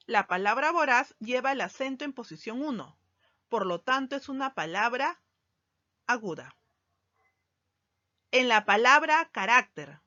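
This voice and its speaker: A woman teacher giving a recorded grammar lesson, speaking slowly and deliberately and stressing key words. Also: on the high side, bright, forceful tone, no echo. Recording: dull lo-fi sound, dry.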